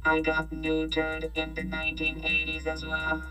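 A woman host reading a listener's message through a robot voice-changer effect, flat and mechanical. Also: normal speed, soft background music. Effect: robot voice changer, pitched down and processed. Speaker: radio call-in host.

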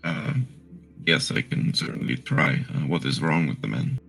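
Very deep gravelly man. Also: normal speed, a bit bright, soft background music. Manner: polite, curious questioning. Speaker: player. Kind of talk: tabletop game play.

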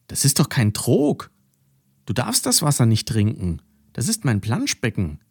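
Give me a man playing a cheerful little farm girl in a storybook, bouncy and animated. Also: medium pitch, unhurried, creaky, husky, no echo, studio quality, pitched above the performer's own voice, exaggerated voice. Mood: scolding. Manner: lively, scolding, pleading. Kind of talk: children's audiobook acting.

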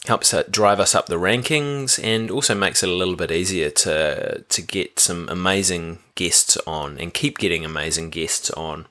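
A man hosting a podcast, chatty and relaxed, with frequent fillers. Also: deep voice. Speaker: podcast host. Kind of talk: casual podcast chat.

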